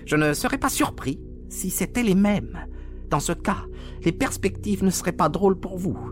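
A man's voice: sits high, expressive, normal speed, soft background music, pitched above the performer's own voice. A man voicing a gloating, sneering villain who mocks a dying rival in a radio play. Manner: sneering, mocking, taunting. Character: gloating sinister male poisoner villain.

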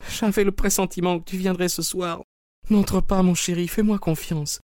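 Man putting on a high pleading young wife. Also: steady tone, normal speed, darkish tone, no echo, clean studio sound, natural voice.

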